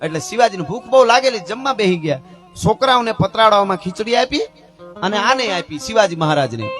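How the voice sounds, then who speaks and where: Man telling folk tales, high voice, faint guitar behind. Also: a little fast. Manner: lively, addresses listeners directly. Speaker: folk storyteller. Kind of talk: folk storytelling with sung verse.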